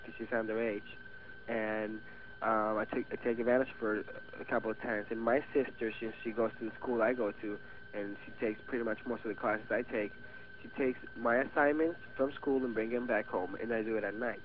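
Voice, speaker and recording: A man's voice: on the low side, steady tone, brisk. Teen man with Venezuelan Spanish accent, tinny audio. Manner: hesitant, many restarts, chatty. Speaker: guest actor. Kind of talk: casual interview. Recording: tinny phone-like radio audio with faint hiss.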